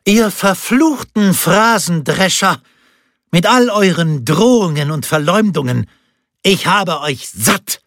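Ein Mann spielt Picarda, eine schrille, wütende Adlige. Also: male voice, expressive, slow, no room sound, clean studio sound, heavily acted. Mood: raging. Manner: shrill, shouting, spitting contempt. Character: furious proud noblewoman, a mother, screaming defiance. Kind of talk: audiobook character voice.

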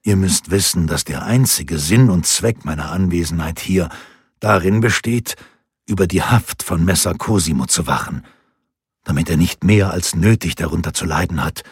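Brief: earnest middle-aged guard, voiced by a man, low, husky, dry close reading. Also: no echo. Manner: measured, earnest pleading.

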